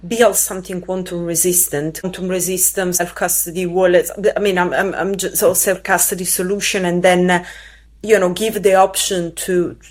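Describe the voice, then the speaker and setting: A woman's voice: fairly low pitch, level tone, moderate pace. Woman interviewer musing aloud. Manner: musing, searching for words, with restarts. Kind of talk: conversational interview questions.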